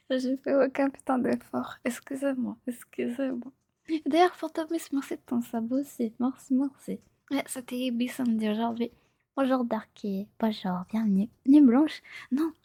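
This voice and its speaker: A young woman streaming from home on a close mic, chatting playfully with her viewers, giggling, swearing and slipping into soft whispers. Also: fairly high pitch, measured pace, breathy edge, no room sound. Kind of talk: casual live stream chat.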